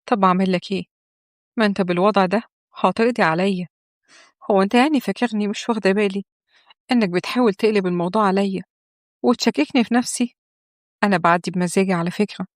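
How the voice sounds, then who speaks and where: Woman reader doing a desperate young Egyptian wife for a storybook tale, pleading and emphatic, mid-pitched, dry close recording. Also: quick pace, long pauses, no room sound, natural voice. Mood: bitter. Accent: Egyptian Arabic.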